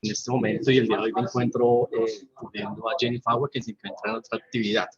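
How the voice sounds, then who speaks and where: A man's voice: on the low side, flat delivery, rapid-fire. Colombian man on a glitchy, breaking-up call. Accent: Colombian Spanish. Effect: glitchy, breaking-up call audio. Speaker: meeting co-chair. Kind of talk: formal remarks in an online meeting. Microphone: video call. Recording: dull lo-fi glitchy call audio.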